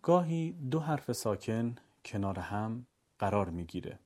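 A man teaching the rules of Quran recitation, explaining step by step and chanting the examples in a slow, melodic voice. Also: lowish voice, big pitch swings, darkish tone. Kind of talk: instructional explanation.

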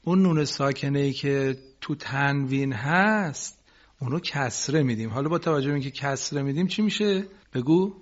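A man teaching Quran recitation on a radio class, patiently correcting students and slowly modelling each phrase for them. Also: medium pitch. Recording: dull lo-fi broadcast recording.

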